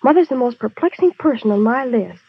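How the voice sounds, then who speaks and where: An earnest young niece in a vintage radio commercial. Her breathy voice sits a little high. The recording sounds dull. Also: expressive, brisk, no echo. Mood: eager. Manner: eager and earnest. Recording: dull old radio broadcast.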